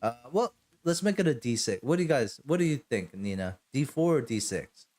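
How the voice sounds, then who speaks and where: A man's voice: medium pitch, very animated, fairly quick, a little mellow, faint music behind. A man working as game master, narrating a tabletop role-playing game in an improvised, conversational way.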